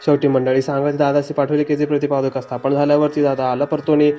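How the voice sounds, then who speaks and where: Man, devotional scripture reader: flat, dark delivery over faint music, lo-fi dull sound. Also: fairly high pitch, fast talker.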